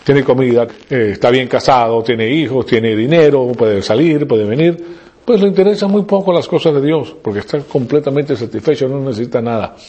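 A man's voice: medium pitch, normal speed, warm tone, slightly rough, dull audio. A man teaching a Bible study to a small group, explaining Greek words and asking them questions as he goes. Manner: explanatory, quizzes listeners.

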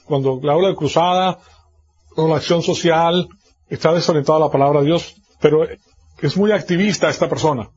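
Male pastor, sermon delivery, slightly high and husky, dull lo-fi sound. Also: a little fast, a little mellow. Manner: preaching with mocking mimicry of others.

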